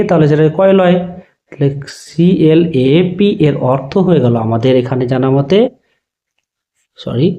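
A man's voice: fairly high pitch, warm tone. Man teaching letters, dull lo-fi sound. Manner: checks understanding with repeated questions, spells letters out slowly. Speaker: online teacher. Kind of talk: spoken lesson to students.

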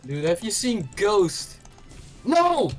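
Excitable young gamer bro with swooping pitch. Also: male voice, takes it slowly, loud music behind the voice. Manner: excitable, sweary gamer bro, repeats exclamations. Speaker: gaming opponent and friend of host. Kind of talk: casual gameplay banter.

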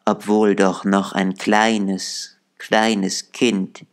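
A man voicing a poor, gentle father in an audiobook, speaking tenderly and solemnly. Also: lowish voice, little pitch movement, extremely slow. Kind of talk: audiobook character reading.

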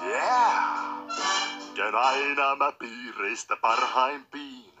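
A man voicing a boastful, easygoing male alley cat, singing in an animated film dub. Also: mid-range voice, close to an everyday voice. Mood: swaggering. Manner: sung, breezy and boastful. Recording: dull film soundtrack with music.

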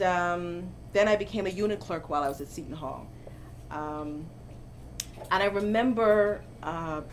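In a conversational interview in a bookstore, a professor born in Jamaica sits in an armchair and recounts stories with energy, her voice rising and laughter breaking out when something amuses her. She speaks on the low side, with slight background noise.

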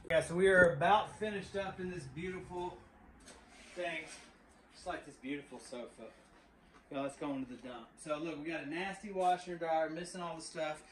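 A chatty Texas man films a storage unit for his reseller vlog, talking to y'all at normal speed in a fairly high, fairly bright voice. The audio is poor with faint background noise, and the scene shifts from the outdoor unit to inside a truck.

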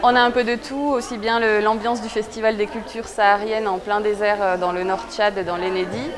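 A thirty-year-old woman from the Besançon region of eastern France, the creator of an exhibition, is interviewed in an indoor exhibition hall over busy crowd noise. Her mid-range voice holds a level tone and runs a little fast as she explains things casually with frequent hesitations.

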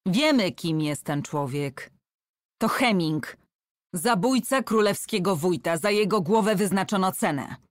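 A sharp, scornful male commander of soldiers, read by a woman. The lines come slowly and curtly, recorded dry and close. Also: mid-range voice, expressive, no echo.

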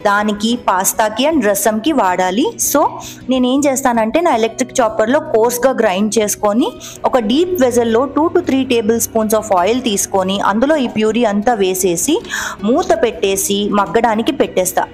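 A woman with a somewhat high voice talks through her kitchen prep in an easy, explanatory way, like a home cooking vlogger. Faint music plays softly behind her voice-over. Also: animated, moderate pace. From Telugu-speaking India. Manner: chatty, explanatory, mixing English words into Telugu. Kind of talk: voice-over narration of a cooking video.

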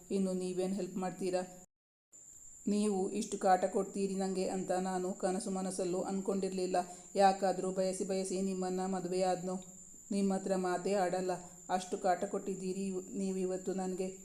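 A woman voicing a pampered, tearful young bride in a spoken story, pleading and complaining in an even, mellow tone. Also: mid-range voice, lightly acted.

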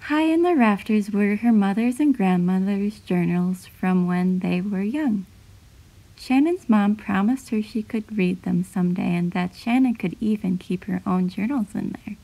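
A woman narrating a children's bedtime storybook at a medium pitch. Her reading is gentle, clear and steady. It sounds like a read-aloud. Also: a little slow, rough recording.

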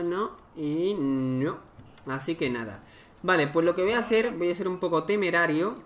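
A man's voice: on the high side, a bit bright, a little hiss or hum. A man giving casual let's-play commentary, thinking aloud and exclaiming as he plays a strategy game. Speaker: gaming YouTuber.

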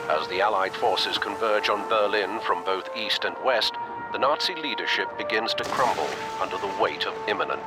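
In a lowish voice, a man delivers grave, measured war narration in a documentary style, scripted for a game cutscene.

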